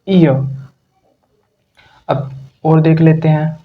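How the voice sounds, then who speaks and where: A man teaching English pronunciation in a video lesson. He sounds out each vowel slowly and keeps asking the listener questions to check they follow. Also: fairly high pitch, flat delivery, muffled recording.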